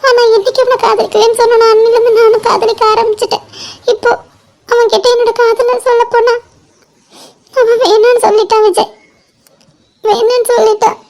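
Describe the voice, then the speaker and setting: Woman voicing a tearful, very high-pitched young woman. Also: flat delivery, fairly quick, gravelly, long pauses, darkish tone. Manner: pleading, tearful. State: crying. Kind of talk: fan cartoon voice acting.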